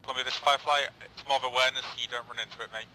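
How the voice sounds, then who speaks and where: A man's voice: mid-range voice, steady tone, rapid-fire, bright, forceful tone, poor audio. A man playing an air support pilot in a military game, giving clipped, terse radio calls through a helmet radio.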